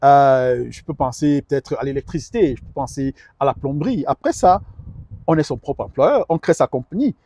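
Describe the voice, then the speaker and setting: A man's voice: medium pitch, expressive, normal speed, dark tone. A middle-aged man talking earnestly as a guest advisor in an interview, often repeating words while he searches for the next one. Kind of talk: conversational interview.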